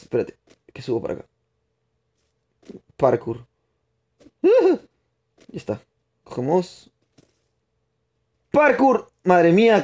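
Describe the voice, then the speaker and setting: With a slightly high, warm, breathy voice, a young man chats through a live game stream in an assumed Spain Spanish accent. He answers viewers' messages while playing and keeps rambling, restarting his explanations along the way.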